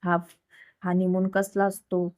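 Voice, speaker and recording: A woman voicing a sweet, gentle young wife in a storybook romance, in her own low, mellow voice. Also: monotone, slow pace, no room sound, studio quality.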